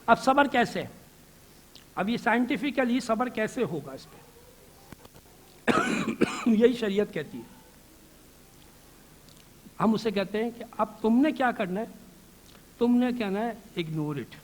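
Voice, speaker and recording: High-voiced man giving a religious lecture. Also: wildly swooping pitch, long pauses. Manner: asks rhetorical questions and answers them; drops English words into his speech. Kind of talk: Islamic lecture to a live audience. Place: lecture hall with audience.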